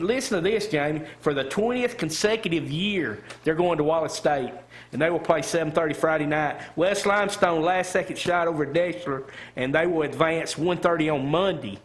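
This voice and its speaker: A man, giving the local sports report on a morning talk show, upbeat and rattling off scores and sponsors. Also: on the high side. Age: 50s.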